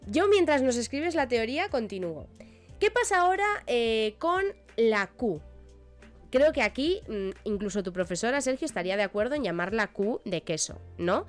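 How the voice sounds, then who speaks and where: A Spanish language teacher with an accent from Spain, on a live stream, talking in a fairly high voice. Her pitch swings widely as she explains spelling rules and keeps checking that listeners follow. Soft music plays quietly behind her. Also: sing-song, moderate pace.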